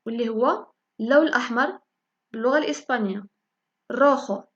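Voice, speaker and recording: A woman with a Moroccan Arabic accent teaching a language lesson, saying each example word slowly and repeating it for learners. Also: a little high, lo-fi sound. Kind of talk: spoken lesson in Moroccan Darija.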